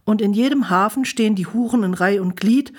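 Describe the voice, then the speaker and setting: A woman's voice: mid-range voice, fairly quick, lightly acted. Woman reading as a mocking younger brother. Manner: mocking, taunting. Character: teasing younger brother, mean and cocky.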